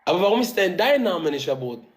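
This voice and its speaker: A man's voice: high-pitched, sing-song, fast. A man from Gabon hosting a casual video-call chat, teasing and questioning his guest playfully. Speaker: live-stream host.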